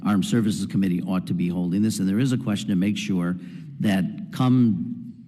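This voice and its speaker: A man's voice: low voice, fairly even intonation, normal speed, dark tone. A man serving as a congressman who argues insistently at a committee hearing. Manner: argumentative, insistent. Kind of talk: hearing debate. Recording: reverberant hearing room audio.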